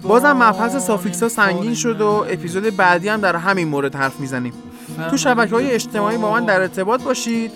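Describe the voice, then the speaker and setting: A podcast host and English teacher giving a pronunciation lesson, explaining step by step and slowly demonstrating each sound. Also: mid-range voice, lively intonation, music in the background.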